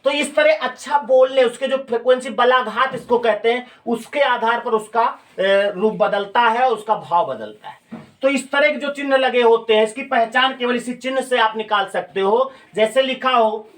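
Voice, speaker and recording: A man's voice: very high voice, moderate pace, fairly bright tone. A male teacher giving a grammar lecture, explaining step by step and asking students questions. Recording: voice from a distance off the mic.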